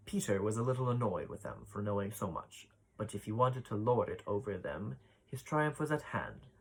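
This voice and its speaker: A man reading a classic children's story aloud, voicing the children's lines with brighter lifts. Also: lowish voice, slightly rough, low-quality recording. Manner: expressive reading, voices the children's dialogue with lifts. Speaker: ballet dancer reading a children's book aloud.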